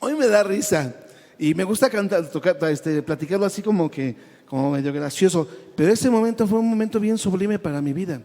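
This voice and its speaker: A man tells his conversion story before a congregation, his voice somewhat high for a man. He speaks with feeling and trips over repeated words as he goes. A long reverb trails each phrase, as in a large hall. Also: expressive, brisk, dark tone. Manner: emotional, stumbling repetitions, addresses listeners as brother. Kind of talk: church testimony.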